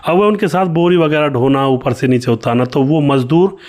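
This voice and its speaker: A man narrating an emotional story in a conversational way, speaking to his listeners as friends, with frequent pauses. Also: fairly high pitch, darkish tone.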